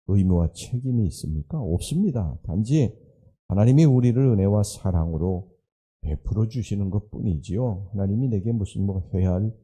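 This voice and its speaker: A man preaches at an early-morning service, and his voice sits low and very dark with a husky edge. He presses his listeners with one rhetorical question after another. He speaks with earnest exhortation. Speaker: pastor. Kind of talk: dawn sermon.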